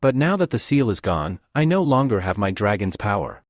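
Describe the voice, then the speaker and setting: A man's voice: on the low side, very animated, brisk, dry recording, clean studio sound. A man voicing a young male martial hero who makes determined, boastful declarations. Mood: bewildered.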